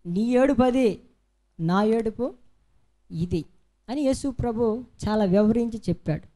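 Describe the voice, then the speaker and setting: A man's voice: sits high, a little slow, dark tone. A man preaching a sermon with fervor, firing rhetorical questions at the congregation and breaking in with repeated hallelujahs.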